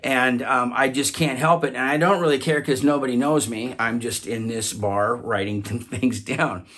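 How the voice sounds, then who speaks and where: Halting male storyteller, average pitch. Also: steady tone, fairly bright tone. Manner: halting, with frequent repeats and restarts. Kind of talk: personal storytelling.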